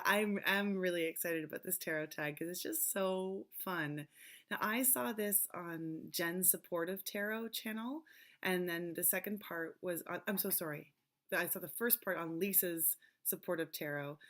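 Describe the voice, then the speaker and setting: A woman vlogging casually about tarot decks, chatty and rambling, her voice still a little hoarse from recovering. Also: fairly low pitch, a bit bright. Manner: chatty, rambling, with many fillers and laughs. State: recovering voice, slightly hoarse with coughs. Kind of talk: casual chat to camera.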